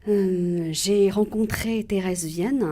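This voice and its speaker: A woman's voice: medium pitch, slow pace, mellow. A woman hosting a radio interview, encouraging her guests and finishing their sentences.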